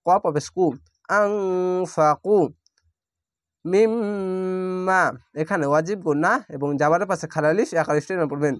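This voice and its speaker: A man teaching Quran reading, spelling out each syllable slowly and then blending it into the word. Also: fairly high pitch, dry recording, studio quality. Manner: draws out recited words very slowly. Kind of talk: slow letter-by-letter recitation lesson.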